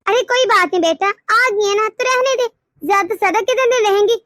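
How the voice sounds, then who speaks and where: A woman voicing a patient, consoling mother in a cartoon story, speaking slowly. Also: very high-pitched, no echo, clean studio sound. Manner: calm, slow, consoling.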